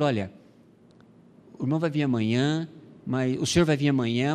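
A man from Brazil, a missionary pastor, telling a testimony in a sermon, acting out the dialogue with many pauses and fillers. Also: medium pitch, darkish tone, in a large hall, slight background noise.

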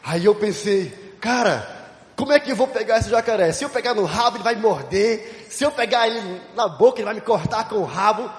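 Man, preacher, animated storytelling, high voice, roomy echo. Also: brisk. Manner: animated storytelling, shouting and laughing. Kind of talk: youth conference sermon. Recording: echoey hall.

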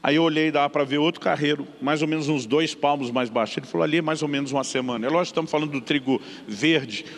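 A pastor preaches a story-driven sermon. He talks quickly, with a slightly raised voice, and brings the dialogue in his story to life. A long hall reverb trails behind each phrase. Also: on the high side. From São Paulo state, Brazil. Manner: lively storyteller acting out dialogue.

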